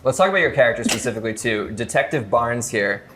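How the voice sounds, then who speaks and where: A man's voice: medium pitch, fast, a bit bright, a little hiss or hum. A man hosting a casual interview, chatty and self-mocking. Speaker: interview host. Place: coffee bar.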